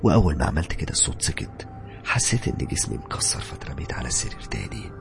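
Egyptian guy telling a horror story fast, low gravelly voice, faint music behind. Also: sing-song. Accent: Egyptian Arabic. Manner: dramatic, hushed at tense moments. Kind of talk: first-person horror narration.

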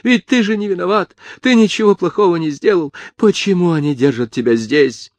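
A man's voice: lively intonation, brisk, dry recording. A man voicing a hysterical middle-aged mother who wails and shrieks on one note. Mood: pleading. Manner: shrill, wailing, on one note.

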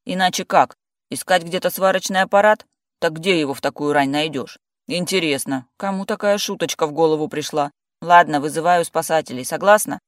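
Reader voicing joking man, calm, matter-of-fact, dry close sound, audiobook. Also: a little high, brisk, no echo, close to an everyday voice. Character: joking, calm male friend of the heroine. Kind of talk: audiobook character voice.

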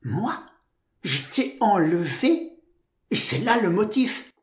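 Storybook role: man doing a weepy, wide-eyed young woman, high and pleading. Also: huge pitch swings, a little slow, reverberant, heavily acted. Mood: tearful pleading. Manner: pleading, rising high exclamations. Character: tearful, naive young woman, wounded friend.

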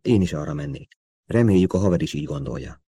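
A man reading the lines of a brisk male intelligence officer who gives clipped orders. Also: very deep voice, animated, mellow, husky, dry recording, studio quality, heavily acted.

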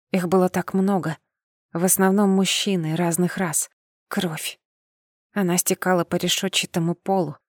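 A woman narrating a first-person audiobook in a measured, steady reading. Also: medium pitch, no echo, clean studio sound.

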